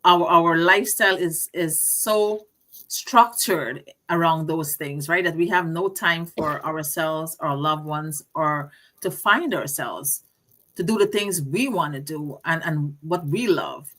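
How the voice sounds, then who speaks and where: A middle-aged Guyanese woman hosting a relaxed live chat show. Her voice is bright and forceful, set a little low, and she talks in quick repeated bursts with easy laughter. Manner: chatty, laughs often, repeats words. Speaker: host. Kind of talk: casual live-stream chat.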